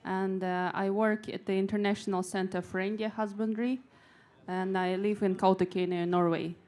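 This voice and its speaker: A woman from Russia giving a conference presentation, speaking haltingly with many fillers and friendly restarts. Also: medium pitch, level tone, a little mellow. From Yakutia, Russia.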